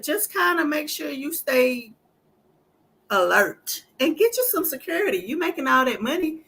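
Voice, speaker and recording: A woman's voice: high-pitched, very animated, normal speed, a bit bright. A woman hosting a casual talk show, chatting loosely about the news. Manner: reads a letter aloud; loose, conversational. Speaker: podcast host. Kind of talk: casual chat.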